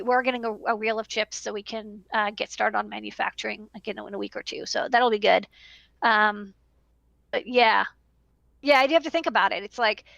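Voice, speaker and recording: Her voice is on the high side with vocal fry and a bit of brightness, recorded without echo. In her thirties, she owns an electronics business and livestreams advice over a headset from a small indoor room, speaking informally and repeating words to drive points home.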